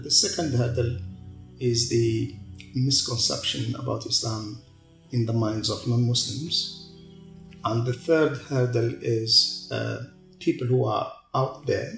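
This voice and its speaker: A middle-aged man from Tunisia, a guest in a sit-down interview, speaking in a measured way with pauses and restarts. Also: medium pitch, vocal fry, a bit bright. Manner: measured, pausing speech with repeated restarts. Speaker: guest, TV channel executive. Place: large open-plan office. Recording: roomy echo, faint music behind.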